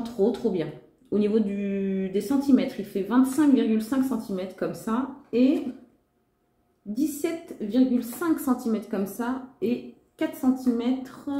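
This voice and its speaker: A woman's voice: medium pitch, warm tone. A woman chatting in a casual shopping-haul vlog, gushing with enthusiasm and talking straight to her viewers. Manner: gushing, enthusiastic, repeats "trop" and "magnifique". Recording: echoey room.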